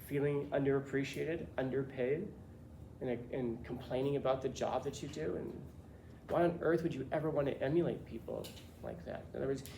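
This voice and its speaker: A man with a medium-pitched, darkish voice lectures a class bluntly and fills his teaching with rhetorical questions. The classroom is echoey with faint room noise.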